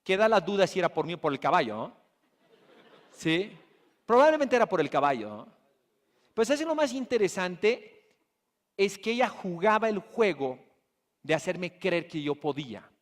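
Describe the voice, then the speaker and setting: Lively Bolivian man giving a keynote. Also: high-pitched, moderate pace, pauses often. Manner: lively storytelling, addressing the audience with rhetorical questions. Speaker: conference speaker. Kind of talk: motivational keynote talk. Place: conference hall.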